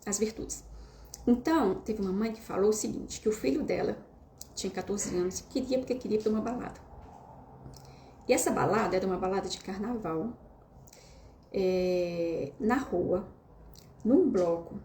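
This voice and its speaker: A woman's voice: medium pitch, moderate pace, long pauses, mellow. A woman with a Brazilian Portuguese accent giving a conversational online lesson. She keeps turning to her listeners with tag questions. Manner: chatty, addresses listeners often with tag questions. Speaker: online course teacher. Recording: roomy echo with faint hiss.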